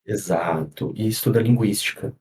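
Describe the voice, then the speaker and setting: Low, mellow-voiced man in an echoey room. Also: moderate pace. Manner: explanatory, with frequent fillers and restarts. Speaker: psychologist guest. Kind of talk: casual podcast chat.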